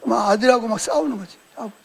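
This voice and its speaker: A male pastor with an unusually high voice that is gravelly and husky delivers a sermon. He tells it like a story, in an everyday conversational tone. He acts out the lines people say as he retells the events. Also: fast talker. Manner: colloquial storytelling, animated retelling with quoted dialogue.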